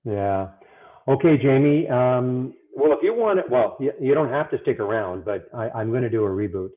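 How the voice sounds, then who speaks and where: A man's voice comes through muffled, as if from the other side of a wall, picked up by earbuds rather than a proper mic. The sound is thin and phone-like. He talks in a flustered, halting way, full of fillers and restarts. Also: mid-range voice, animated. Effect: muffled, as if heard through a wall. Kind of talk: casual chat. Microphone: earbuds instead of his microphone.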